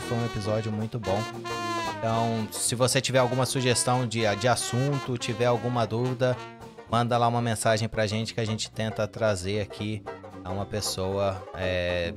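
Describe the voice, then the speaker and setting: A man hosting a podcast, giving relaxed, rambling thanks with fillers as he signs off. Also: fairly low pitch. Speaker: podcast host. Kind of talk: casual sign-off.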